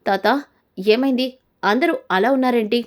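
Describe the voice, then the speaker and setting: A woman's voice: fairly high pitch, moderate pace, natural voice. A woman voicing a pleading young granddaughter.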